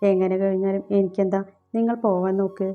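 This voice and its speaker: A woman's voice: medium pitch, little pitch movement, brisk, narrow, tinny audio, faint music behind, close to an everyday voice. A woman reading the lines of a hurt, defiant young heroine in a romantic audiobook. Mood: bitter.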